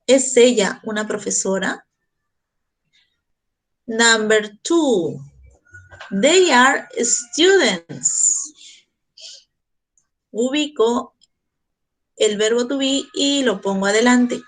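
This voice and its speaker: Very slow, deliberate woman teacher. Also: on the high side, rough recording. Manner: slow and deliberate, spelling out each step. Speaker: English teacher. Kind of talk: classroom grammar lesson.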